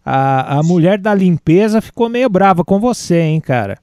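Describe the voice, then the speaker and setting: A Brazilian man hosting a radio interview, asking informal, unhurried questions. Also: sits high, animated, a little mellow, smooth, no room sound. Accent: Brazilian Portuguese. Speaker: radio show host. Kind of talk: casual interview.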